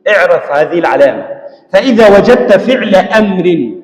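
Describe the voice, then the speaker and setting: A man teaching a classroom grammar lesson, explaining step by step, asking his students questions and drilling examples slowly. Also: sits high, lively intonation. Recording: echoey hall with long reverb.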